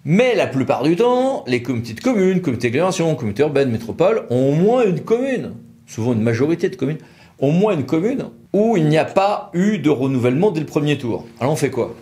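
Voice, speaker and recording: A man with a French accent, his voice fairly high, warm and very animated, talks at a fairly quick clip. Presenting a law firm's videos, he gives an informal legal explainer, asking questions and answering them in everyday terms to teach.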